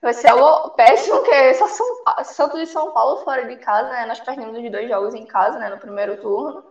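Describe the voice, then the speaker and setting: A woman's voice: fairly high pitch, animated, fairly quick, roomy sound, muffled recording. A woman fan calling in to a sports talk show, talking in a rambling, anxious way with lots of fillers. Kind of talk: casual call-in chat.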